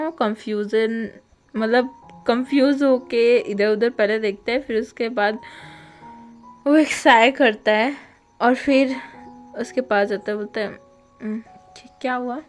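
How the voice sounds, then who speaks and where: A woman casually retelling a story, chatty and loose, with plenty of fillers between lines. Her voice sits fairly high, and faint music plays behind her. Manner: chatty, filler-heavy narration. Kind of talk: casual fan fiction retelling.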